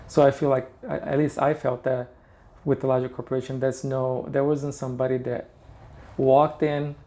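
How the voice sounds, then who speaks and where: A middle-aged Brazilian interior designer, speaking with a Brazilian Portuguese accent, chats casually as an interview guest and often restarts his sentences. His voice is warm and medium-pitched, with little pitch movement, at a normal speed.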